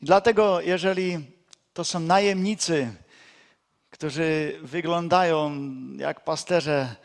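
A male pastor delivers a sermon in an unhurried, measured way, with a voice pitched somewhat above the usual for a man. He repeats his key phrases and sinks into a hushed, low tone to stress a point, and now and then he warms into homely storytelling with a light touch of humor. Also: steady tone. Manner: slow and deliberate, repeats key phrases, drops to a quiet low voice for emphasis.

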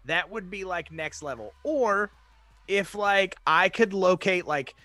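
High bright-voiced chatty podcast guy. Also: measured pace, dry recording, soft background music. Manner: rambling, filler-heavy, laughs easily. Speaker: podcast co-host. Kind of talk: casual chat.

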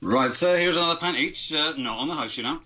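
A man's voice: on the high side, brisk, sharp tone, muffled recording. A man from Northern Ireland, a brewmaster, explaining his beer and food in a friendly, matter-of-fact way. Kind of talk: casual chat.

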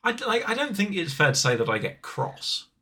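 A man's voice: high-pitched, big pitch swings, brisk, bright, forceful tone, husky. A man co-hosting a podcast in casual chat, joking drily and restarting his sentences. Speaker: podcast co-host.

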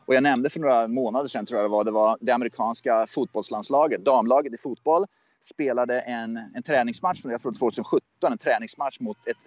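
A man's voice: medium pitch, no room sound, lo-fi sound. A man in casual political chat, speaking as a US correspondent, often hesitant, repeating and restarting his words. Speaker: USA correspondent. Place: southwestern USA.

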